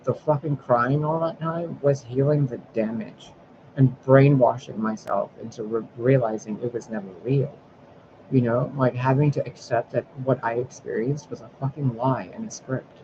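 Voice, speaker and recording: Man, casual vlog monologue, profane, rambling, dull lo-fi sound, steady background noise. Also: medium pitch, normal speed. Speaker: spiritual sign reader.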